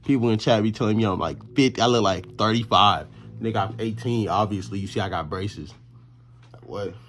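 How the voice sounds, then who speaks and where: An eighteen-year-old Texan college vlogger and streamer talks fairly quickly in a lowish voice with a fairly bright tone, plus a little hiss or hum. Filming on his phone camera at arm's length or propped in a small bedroom and bathroom, he rambles to his viewers and chat, slangy with plenty of fillers.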